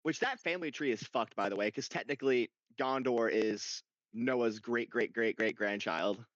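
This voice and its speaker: A young man in casual podcast chat, telling a game story with excitement and frequent swearing. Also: medium pitch, normal speed, no echo. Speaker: podcast co-host. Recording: dull lo-fi dry sound.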